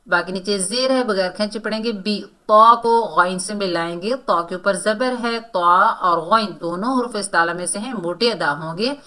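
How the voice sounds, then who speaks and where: A woman teaching Quran recitation rules, explaining each sound and then reciting words slowly. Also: medium pitch, pushed and bright. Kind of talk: tajweed lesson, explaining and reciting.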